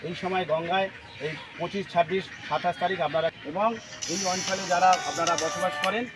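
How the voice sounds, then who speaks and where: A man making a halting, repetitive public warning announcement for the municipality. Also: high voice, fairly even intonation, loud music behind the voice.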